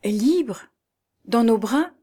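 A woman reading the lines of a gentle, tearful young noblewoman in a novel, in a soft and emotional voice. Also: on the high side, unhurried.

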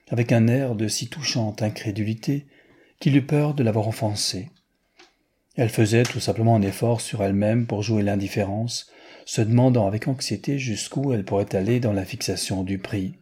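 Husky-voiced man narrating a novel. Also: lowish voice, steady tone, warm tone. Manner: measured, literary reading. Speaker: audiobook narrator.

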